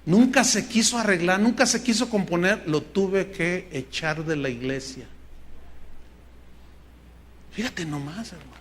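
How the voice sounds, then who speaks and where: Mexican pastor, male, high-pitched preacher, animated and earnest. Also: unhurried, long pauses. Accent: Mexican Spanish. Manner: earnest, animated storytelling with acted quotes. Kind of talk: sermon. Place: church hall with congregation.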